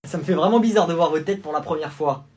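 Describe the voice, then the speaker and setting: A man's voice: a little high, fast. A man performing comedy sketches in a playful manner, shifting between characters.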